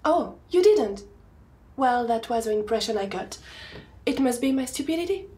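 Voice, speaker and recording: A woman's voice: on the high side, lively intonation, normal speed, darkish tone, natural voice. An actress playing a prim, wounded woman who is coldly and sarcastically polite to her boyfriend, in naturalistic film dialogue. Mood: icily polite. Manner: icily polite, passive-aggressive, sarcastic self-pity. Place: living room of a home. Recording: roomy room echo, faint background hum.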